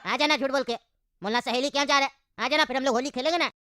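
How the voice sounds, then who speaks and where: Woman doing a cheeky young dude, cartoon, high quick teasing voice. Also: a bit bright, dry recording, clean studio sound. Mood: coaxing. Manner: coaxing, teasing. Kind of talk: cartoon voice acting.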